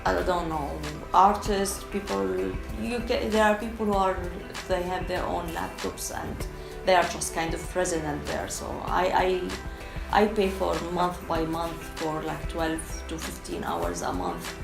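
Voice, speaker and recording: Unhurried and creaky, her voice sits on the low side as a Syrian woman with an Arabic accent, a freelance translator, speaks frankly in a casual documentary interview. She often hesitates searching for words in her second language, in an echoey room with music in the background.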